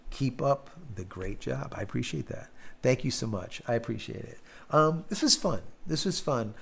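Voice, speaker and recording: A man hosting a long live stream, talking to his viewers in a loose, casual way. He rants bluntly and swears freely, and his throat sounds sore and worn after hours on air. His voice sits at an ordinary middle pitch. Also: gravelly.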